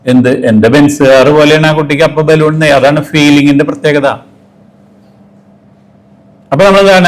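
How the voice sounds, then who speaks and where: A man's voice: fairly high pitch, rough recording. Man questioning his audience. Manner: asks the audience many questions and acts out everyday quotes. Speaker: speaker giving a talk. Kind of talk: interactive motivational talk.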